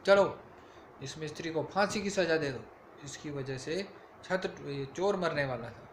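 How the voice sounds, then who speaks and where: A man voicing a foolish male king who shouts orders to his soldiers in a bedtime story. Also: fairly high pitch, normal speed, roomy sound, a little hiss or hum, lightly acted. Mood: commanding. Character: foolish boastful male king, loud commands.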